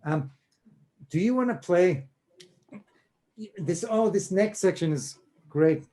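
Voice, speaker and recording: A man's voice: sits high, expressive, slow, mellow. A man coaching a violin student in an online masterclass, chatty and encouraging, often interrupting himself and apologizing. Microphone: video call.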